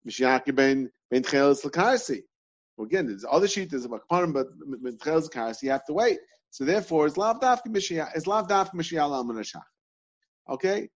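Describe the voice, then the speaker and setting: Man, talmud class teacher, repetitive, slightly high voice, dull lo-fi sound. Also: lively intonation, brisk. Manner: repetitive, questioning, restarts often.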